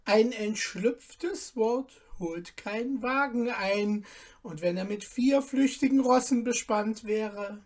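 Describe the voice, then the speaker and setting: A woman's voice: fairly high pitch, takes it slowly, darkish tone, voice pushed up. A woman reading an audiobook and voicing a man, a meek and sly merchant who answers evasively.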